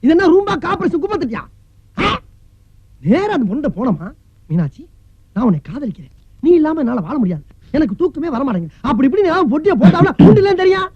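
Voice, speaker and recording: A man's voice: very high voice, big pitch swings, fast. An actor playing a mocking, talkative tenant in a film comedy scene, nagging his lovesick friend. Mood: scolding. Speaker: comic tenant. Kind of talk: Tamil film comedy dialogue. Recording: dull film soundtrack.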